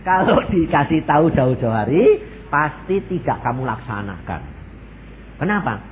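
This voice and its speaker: Javanese-accented male pastor, fairly high voice, lively sermon, tinny phone-like recording. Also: unhurried, a little hiss or hum. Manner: animated, mixes in Javanese, acts out quoted prayers.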